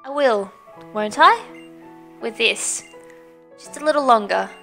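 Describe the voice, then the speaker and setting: A woman's voice: fairly high pitch, lively intonation, slow pace, gravelly, sharp tone, soft background music, exaggerated voice. A woman reading the lines of a driven young woman who summons a dragon, in an earnest, dramatic way. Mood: wistful.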